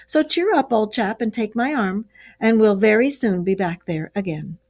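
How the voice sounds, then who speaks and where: A woman's voice: mid-range voice, lively intonation, normal speed, a little mellow, pitched above the performer's own voice. A woman doing a hearty kindly rat. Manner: hearty, encouraging. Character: cheerful brisk male water rat, kindly.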